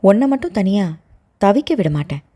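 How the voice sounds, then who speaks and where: A calm, teasing young man from a spoken audio novel, as a woman narrator puts him on. His reassuring lines come out unhurried, with a mellow tone and a lively melody. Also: medium pitch.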